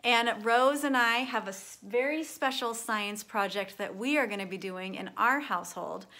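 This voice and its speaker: Here a woman storyteller, her pitch fairly high, reads aloud from a children's picture book. Her delivery is deliberate and expressive, shaped for little ones.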